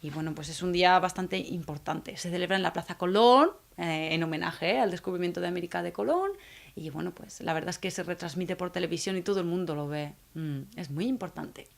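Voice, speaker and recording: A woman from teaching Spanish to learners, speaking slowly and clearly and often checking in with the viewers. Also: fairly low pitch. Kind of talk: scripted video lesson for learners.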